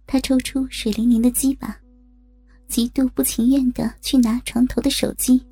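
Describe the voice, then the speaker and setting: Female audiobook narrator, soft and husky with some fry, music behind. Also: high-pitched, little pitch movement, normal speed. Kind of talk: scripted story narration.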